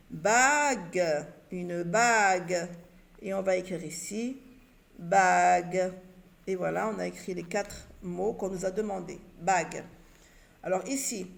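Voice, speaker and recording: A woman's voice: mid-range voice, creaky. A woman teaching a children's reading lesson, patiently sounding out syllables and letters one by one and answering her own questions. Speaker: primary school teacher.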